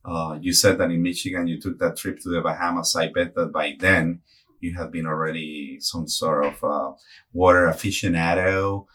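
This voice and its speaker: A man's voice: sits low, flat delivery, normal speed, a bit bright. A man hosting an interview, asking long, winding questions. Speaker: podcast host.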